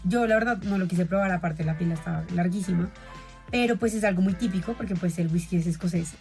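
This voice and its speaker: A woman's voice: lowish voice, fast, darkish tone, faint music behind. A young woman hosting a podcast, telling a travel story in a chatty, friendly way and talking straight to her listeners. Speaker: podcast host.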